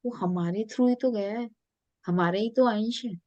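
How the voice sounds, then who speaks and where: A woman's voice: a little high, unhurried, dark tone, dry recording, dull audio. A woman spiritual coach telling stories in a podcast interview, earnest, mixing English phrases into her talk.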